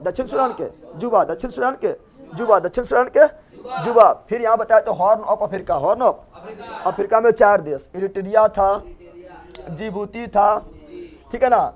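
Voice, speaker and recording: Middle-aged man teacher, high voice, quizzes the class and chants the answers back. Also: moderate pace. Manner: asks and repeats answers in chants. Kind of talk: call-and-response revision lesson.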